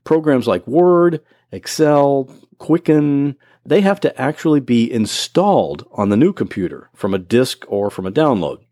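A man's voice: mid-range voice, expressive, unhurried, few pauses, warm tone, no room sound, studio quality. A man hosting his own computer help podcast, explaining things patiently step by step in plain words. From Florida. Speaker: podcast host and computer tutor. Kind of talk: solo instructional podcast.

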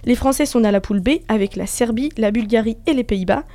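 A woman's voice: a little high, fast, warm tone, no room sound, soft background music. A woman giving a semi-scripted sports report on the radio, with casual asides to her colleagues. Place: radio studio.

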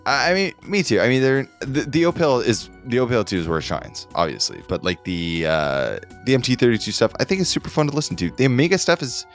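A man co-hosting a casual podcast, animated and rambling, full of fillers. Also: mid-range voice, quick pace, hardly any pauses, faint music behind. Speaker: podcast co-host. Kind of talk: casual chat about game music.

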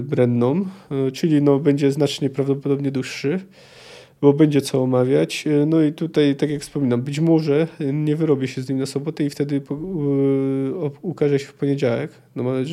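A man's voice: a little high, warm tone. A man hosting a book podcast, thinking aloud with frequent hesitations and restarts. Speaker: podcast host. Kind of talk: casual book discussion.

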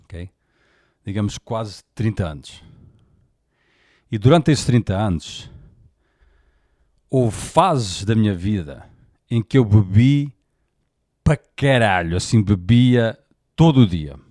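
A Portuguese man in his forties with a European Portuguese accent hosts a candid, colloquial monologue podcast packed with fillers. His voice is fairly low, dark-toned, and animated, moving slowly with frequent pauses, in studio-quality sound with no room echo.

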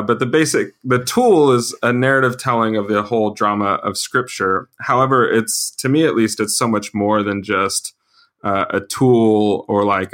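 A man hosting a podcast, talking in a relaxed, thoughtful way with fillers and restarts. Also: lowish voice. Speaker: podcast host. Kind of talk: casual podcast conversation.

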